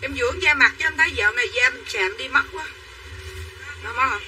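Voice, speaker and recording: A high-pitched woman who talks fast, with a bright and forceful tone, pitches dresses to her livestream audience. She keeps it chatty and calls everyone "sisters." The mic is distant and faint room noise can be heard.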